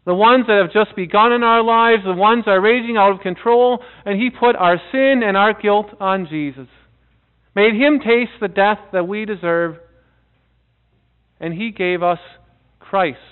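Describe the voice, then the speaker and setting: A middle-aged male pastor preaching a sermon in a church, earnest, with dramatic pauses and soft drops. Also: sits high, clear, resonant tone. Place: church sanctuary before a seated congregation. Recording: tinny phone-like audio.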